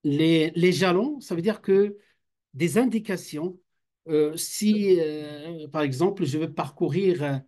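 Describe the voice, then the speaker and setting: A man whose first language is Arabic teaches a class at an Islamic institute, lecturing in French. He's hesitant, with frequent fillers, restarts and Arabic phrases, and his slightly mellow voice sits a little high for a man.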